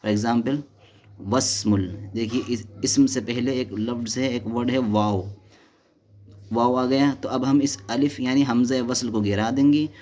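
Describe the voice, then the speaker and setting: Man explaining grammar real slow, asks himself questions then answers, mid-pitched voice. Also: steady tone, dark tone. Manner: mixes Hindi-Urdu with English and Arabic terms; reads English textbook notes slowly. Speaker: Arabic grammar teacher. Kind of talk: classroom lesson explanation.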